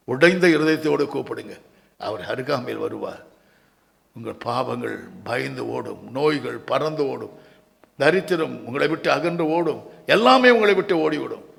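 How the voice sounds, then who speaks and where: A male pastor preaching passionately at a church service, stretching his English prayer lines slowly. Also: mid-range voice, vocal fry, fairly bright tone, long reverb tail. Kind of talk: sermon and fervent prayer.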